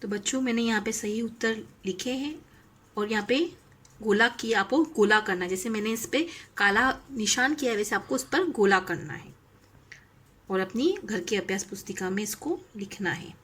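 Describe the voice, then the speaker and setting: A woman's voice: medium pitch, moderate pace, a bit bright, slight background noise. A woman teaching a Hindi lesson to young primary school children, stretching out each word and asking simple questions as she goes. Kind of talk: slow, clearly enunciated lesson for young children.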